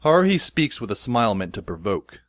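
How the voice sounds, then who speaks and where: A man plays a wry teenage schoolboy who narrates and leads a first-person scripted audio drama, his voice low with big pitch swings. He speaks fairly quickly in a wry, measured mood. The recording is dry, with instrumental music behind him.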